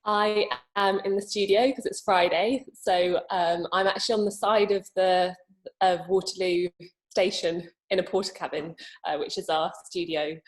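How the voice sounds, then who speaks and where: A woman talks casually as a guest on an online panel, explaining her work. Her voice sits a little low for a woman. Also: steady tone, moderate pace, low-quality recording. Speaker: head of learning at a museum, panel guest. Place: small cabin studio, on a video call.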